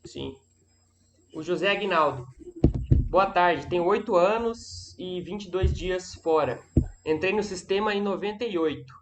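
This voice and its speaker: A man's voice: high voice, measured pace, background noise. A man moderating a live session, reading out viewer questions and giving brief acknowledgments between them.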